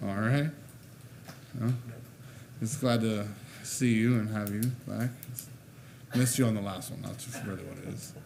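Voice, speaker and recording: A man chairing a city board meeting, relaxed and joking between the formal steps. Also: fairly low pitch, measured pace, gravelly, pauses often. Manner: relaxed, jokes between procedure. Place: city council chamber. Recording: noisy meeting room audio.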